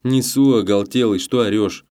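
A man's voice: lowish voice, normal speed, mellow, lightly acted. A man voicing a brazen, defiant fallen woman in a slum tavern. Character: fallen painted woman, proud colonel's widow.

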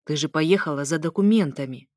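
A young man in pain, read by a woman, hissing and wincing as he speaks, his words pushed out through clenched effort. The voice sits low and the recording is close and dry, like a storybook read straight into the mic. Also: brisk, darkish tone, no room sound. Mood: strained.

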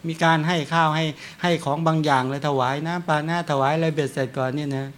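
Monk, man, relaxed storytelling sermon, slightly higher voice. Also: quick pace. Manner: chatty, tells anecdotes with frequent chuckles. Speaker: Buddhist monk. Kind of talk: dharma talk with storytelling.

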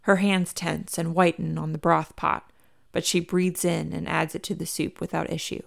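A woman reading a fan fiction story aloud as a podfic, in an even, unhurried narration. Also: sits low, vocal fry. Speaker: podfic reader.

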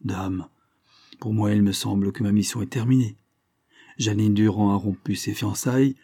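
A man's voice: on the low side, steady tone, moderate pace, mellow, no room sound, clean studio sound. A man voicing a dogged male police inspector who gives matter-of-fact, precise reports.

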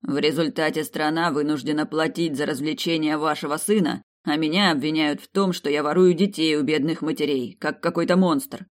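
A man's voice: fairly high pitch, fairly even intonation, natural voice. A man reading as a coldly furious young emperor. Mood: cold anger. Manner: slow, measured, sarcastic rebukes. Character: young male emperor, cold and cutting. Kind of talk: audiobook character voice.

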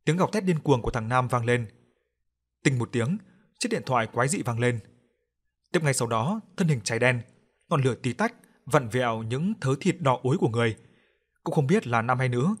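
A man reading a horror audiobook, telling the story dramatically. His voice is husky and breathy at an ordinary pitch. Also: expressive, fairly quick. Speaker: audiobook narrator. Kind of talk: scripted horror narration.

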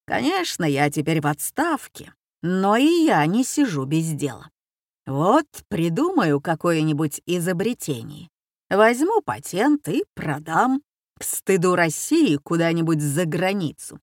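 A woman's voice: lowish voice, sing-song, measured pace, dry recording, clean studio sound, full character voice. Lady reading as a blustery retired captain dad, full of himself, gets flustered. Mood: boastful. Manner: pompous, blustering. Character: retired middle-aged captain father, fussy, easily flustered.

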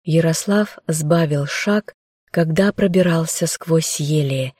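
A woman's voice: low voice, slow, a little mellow, slightly rough, dry recording, clean studio sound. Woman reading a fairy tale aloud. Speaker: narrator.

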